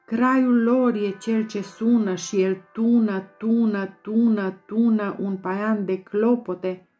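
A woman reads a poem aloud in a dramatic, rhythmic recitation, leaning into repetitions like a chant. Her voice is mellow and dark in tone. Soft instrumental music plays quietly under her reading. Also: medium pitch, fairly even intonation. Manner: rhythmic, incantatory reading with repeated words. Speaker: volunteer poetry reader. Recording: soft music bed behind voice.

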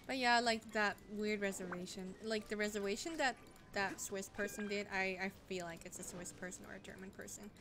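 A woman's voice: medium pitch, steady tone, brisk, hardly any pauses. A young woman streaming a game, chatting casually with lots of fillers and blunt swearing. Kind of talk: casual chat while gaming. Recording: noisy home stream mic.

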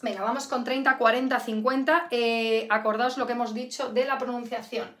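A fairly high-voiced woman teaching an English class in a live stream, chatty and lively, repeating each word slowly for her learners. She is from Canada. Her voice rings in an echoey room. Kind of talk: live online English lesson.

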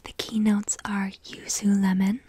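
A young woman whispering in an ASMR style, soft and intimate, close to the microphone, lingering on and repeating words. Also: medium pitch, monotone, measured pace, noisy background. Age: young adult. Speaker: ASMR video host.

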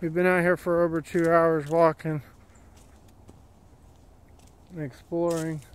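A man's voice: on the high side, flat delivery, takes it slowly, clean tone. A man giving plainspoken, rambling commentary while walking a wooded dirt trail, recorded on a handheld phone. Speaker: vlogger. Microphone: handheld phone camera while walking.

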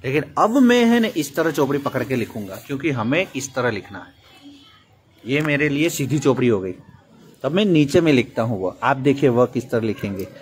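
A man's voice: mid-range voice, very animated, normal speed. A man with a Gujarati accent teaching young children to write letters, patient and playfully teasing them, in a classroom. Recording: noisy classroom full of children.

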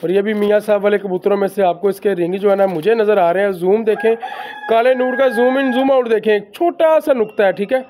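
A man from Pakistan who breeds and sells pigeons, talking loudly and emphatically as he shows birds to his viewers, repeating the same stock phrases. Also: high-pitched, brisk. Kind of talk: casual handheld show-and-tell. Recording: faint background noise with pigeons.

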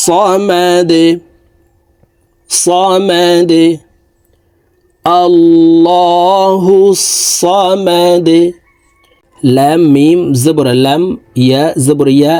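A man's voice: medium pitch, mellow, no room sound. Man spelling out a Quran lesson. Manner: spells letters and vowel marks slowly, then recites drawn-out and melodic. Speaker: Quran recitation teacher.

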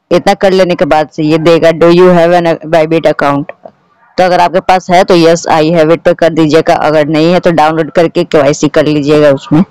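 A man's voice: on the high side, a little mellow, clean tone, no echo, low-quality recording. A man hosting a tech channel, giving a plain step-by-step app tutorial over a screen recording. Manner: instructive, repeats steps plainly. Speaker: tech YouTuber host.

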